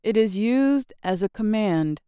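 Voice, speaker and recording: An American woman narrating a scripted English lesson, speaking slowly, carefully and expressively. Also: mid-range voice, expressive, dark tone, smooth, no room sound, clean studio sound.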